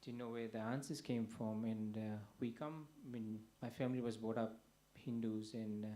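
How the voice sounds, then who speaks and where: A soft-spoken young man from Fiji tells his story hesitantly, pausing often and restarting his sentences. His voice is flat and even, with a dark, mellow tone. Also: on the low side. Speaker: guest. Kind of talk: personal testimony.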